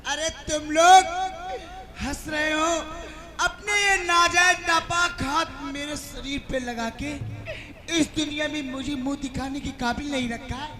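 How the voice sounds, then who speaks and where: A wronged, defiant young village woman, played by a man, hurls shrill accusations from a folk theatre stage. The voice sits very high and the lines come slow and drawn out. Stage music plays behind her. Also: fairly even intonation, pushed and bright, full character voice. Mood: furious, accusing. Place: open-air village stage.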